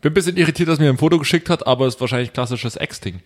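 A man's voice: a little high, rapid-fire. A man chatting casually with friends, teasing them with dry jabs. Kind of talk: casual chat among friends.

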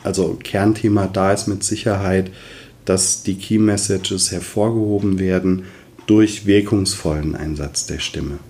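A man with a somewhat low voice, speaking as a voice coach in an interview. He explains his field at length with enthusiasm, laying out his points one by one. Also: steady tone, a little slow, darkish tone, a little hiss or hum. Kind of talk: conversational interview answers.

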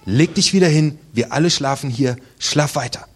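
A man playing a sleepy, grumpy old priest in a retold story from a sermon, his manner gruff and dismissive. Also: medium pitch, normal speed, close to an everyday voice.

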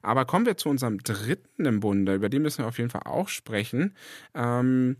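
A man's voice: mid-range voice, animated, a little fast, a little mellow, dry recording. Dry-voiced man chatting on a podcast. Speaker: podcast co-host. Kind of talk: casual podcast chat.

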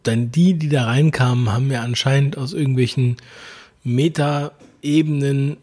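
A man's voice: medium pitch, fairly even intonation, unhurried, dark tone. A man giving casual reaction commentary on a TV clip, blunt and slangy with crude asides.

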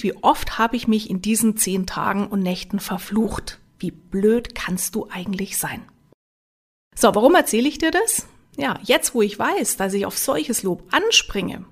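A woman self-help coach giving a motivational talk, speaking straight to the listener with lively rhetorical questions. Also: medium pitch.

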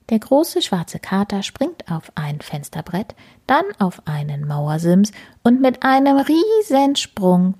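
A woman reading a children's story aloud in a soft, often half-whispered narrating voice. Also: mid-range voice, gravelly, slightly rough.

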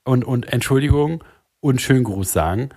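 Male co-host, middle pitch, flustered and stammering, comedy sketch. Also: animated, moderate pace, darkish tone. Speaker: podcast co-host. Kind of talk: comedic role-play as a nervous trainee.

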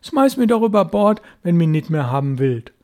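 A man voicing a defiant, stubborn fisher boy who speaks with a Low German accent and talks sullen and cheeky. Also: a little slow, dark tone.

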